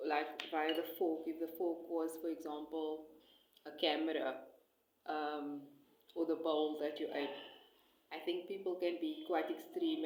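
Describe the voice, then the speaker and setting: A woman from South Africa chatting casually as a food vlogger, hesitant and rambling with pauses between short phrases, recorded on a nearby phone. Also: low voice, a little mellow. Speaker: food vlogger and cookbook author. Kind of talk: casual eat-along chat to camera. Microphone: phone close by, no attached mic. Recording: echoey room, phone microphone.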